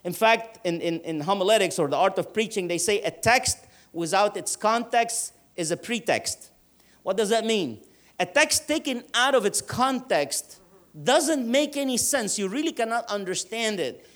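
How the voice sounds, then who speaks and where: A man's voice: high voice, animated, a bit bright. Man preaching a sermon. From Egypt. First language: Arabic. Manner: earnest, emphatic with slow drawn-out stresses. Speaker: pastor.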